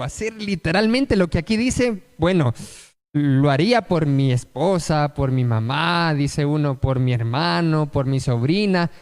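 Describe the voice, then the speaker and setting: A man's voice: a little high, darkish tone. A man preaching a sermon, emphatic and asking the congregation rhetorical questions.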